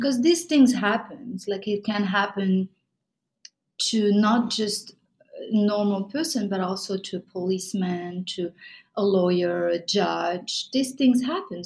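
A woman from Morocco answering interview questions about her film, pausing often with fillers and restarting her sentences. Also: mid-range voice, a little mellow, rough recording. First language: Moroccan Arabic or French. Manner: hesitant, many fillers and restarts. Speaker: filmmaker guest.

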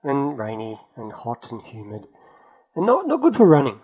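This podcast co-host has a mid-range voice and a moderate pace, captured in a low-quality recording. He's in London on his travels, telling stories in a chatty, laughing, lively way during a casual conversation.

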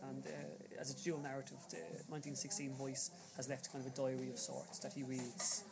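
A man with an Irish accent giving a casual, halting interview as an author, in a low-quality recording. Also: little pitch movement, creaky, heavy background noise. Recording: low-quality recording, loud crowd chatter behind.

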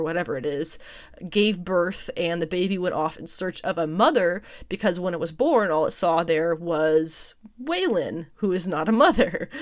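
A woman with a slightly low-pitched voice talks through comic book issues in a loose, chatty review. She sounds amused, often breaks into laughter and swears without much thought. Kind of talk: casual recap and review.

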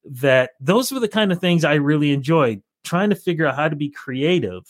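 Interview guest: Canadian radio veteran, middle-aged, lively raconteur who plays both sides of old calls; fairly high voice. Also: male voice, normal speed, dry recording. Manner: animated storyteller who acts out both sides of remembered phone calls. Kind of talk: casual storytelling in an interview.

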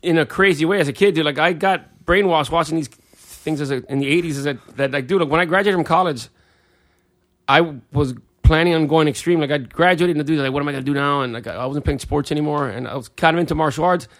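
A middle-aged man in casual chat, telling excitable stories and calling everyone dude. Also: fairly high pitch, quick pace. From United States. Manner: excitable storytelling, says dude a lot.

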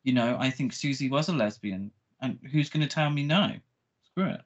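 Male podcast co-host, medium pitch, conversational, slightly dull lo-fi recording. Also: brisk. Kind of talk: casual film discussion.

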